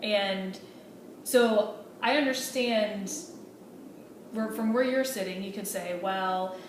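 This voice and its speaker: A woman's voice: mid-range voice, slow, lightly acted. A woman playing an earnest female medical student in a role-play meeting, speaking politely and hesitantly with many fillers and restarts. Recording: echoey room, distant mic, noisy.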